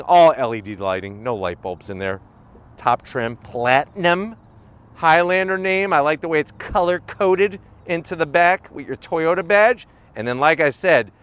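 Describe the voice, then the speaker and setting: A car review video host, a man with a high-ish, fairly bright voice, strolls around a vehicle outside. He addresses the camera punchily and casually, tossing out rhetorical questions and catchphrases.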